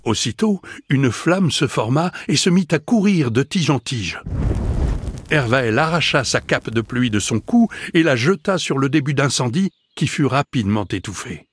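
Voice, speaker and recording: A man narrating a children's fantasy audiobook in a measured, expressive way. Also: medium pitch, a little hiss or hum.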